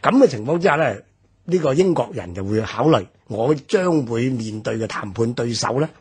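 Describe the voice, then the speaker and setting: A husky, mid-range male voice, animated and at normal speed: a man in his sixties from Hong Kong with a Hong Kong Cantonese accent. As a guest commentator on a radio talk show, he explains history and pads his sentences with fillers.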